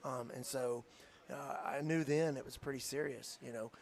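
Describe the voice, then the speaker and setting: A man's voice: mid-range voice, fairly even intonation, normal speed, gravelly. A man, a football coach telling an earnest, heartfelt story in a radio interview. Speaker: high school football coach.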